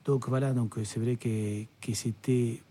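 Mellow-voiced man from Argentina. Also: medium pitch, fairly even intonation. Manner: measured, hesitant with fillers. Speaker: player agent, guest. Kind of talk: casual radio chat.

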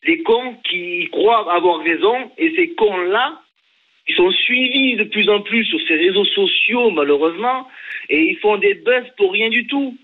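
A man's voice: high voice, expressive, measured pace. A man from southern France with a southern French accent, calling in to a radio show and speaking with impassioned emphasis. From southern France, near Nîmes. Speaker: caller. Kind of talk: phone-in call. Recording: tinny phone line.

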